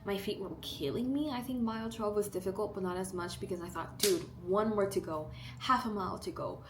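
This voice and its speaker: Doing her makeup at home, this South Texas woman of twenty-two keeps up a chatty, upbeat get-ready-with-me talk, full of animated asides and playful voices she quotes. She speaks fairly quickly at medium pitch, against a noisy background.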